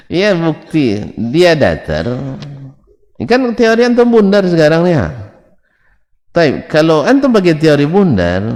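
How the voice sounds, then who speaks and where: A man's voice: mid-range voice, a little mellow. A man giving a religious lesson, joking and teasing his listeners with rhetorical questions. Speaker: Islamic religious teacher. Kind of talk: religious lecture with banter. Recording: long hall reverb.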